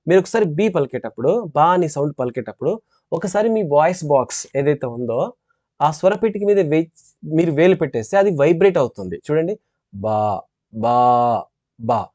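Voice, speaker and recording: A man with a Telugu accent lectures on phonetics in a classroom style. His voice sits a little high yet sounds mellow. The recording is dry and close, and he repeats each sample sound slowly and carefully. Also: expressive, no echo. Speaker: English teacher.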